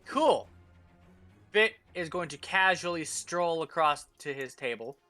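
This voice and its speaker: A man's voice: fairly high pitch, animated, a little slow, pushed and bright, faint music behind. A man playing his character in a tabletop game, chatty and cheerful, a little scattered. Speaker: player.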